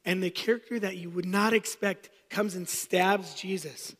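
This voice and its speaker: A man's voice: high voice, fairly even intonation, moderate pace, a bit bright, big-room sound. A man in his thirties, a pastor preaching, telling a personal story with self-deprecating humor. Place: church sanctuary.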